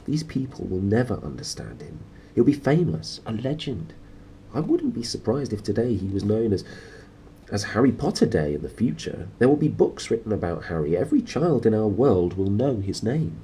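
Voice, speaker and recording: Man as a prim witch professor, female, indignant, emphatic, fretful, pitch swooping upward, storybook character. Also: very animated, moderate pace, warm tone, a little hiss or hum, low-quality recording.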